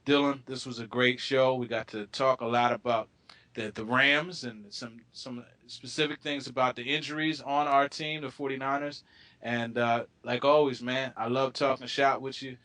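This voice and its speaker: A man co-hosting a sports talk show, talking in a relaxed, friendly way with plenty of fillers. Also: mid-range voice, moderate pace. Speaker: co-host.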